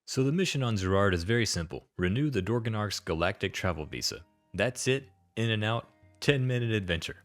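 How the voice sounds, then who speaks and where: A man's voice: fairly low pitch, expressive, a little fast, dry recording, faint music behind. A man narrating a scripted video-game retrospective, with dry, sardonic asides.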